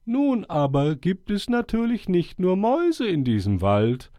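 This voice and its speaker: A man voicing a wise, friendly old male owl who chairs a forest meeting, speaking slowly and stately with hooting calls. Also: high voice, wildly swooping pitch, warm tone, no room sound, clean studio sound, pitched above the performer's own voice, exaggerated voice. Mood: explaining. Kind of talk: storybook character voice.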